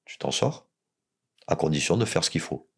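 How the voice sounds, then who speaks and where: A man's voice: rumbling low, animated, moderate pace, gravelly, husky. A man from France, a podcast guest, telling stories in casual chat, blunt and joking with plenty of swearing.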